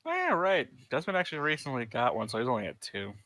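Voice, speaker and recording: A man's voice: medium pitch, huge pitch swings, fast talker, sharp tone, dry recording. A man playing in a tabletop game, laid-back and teasing. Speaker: player. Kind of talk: casual chat at a tabletop game.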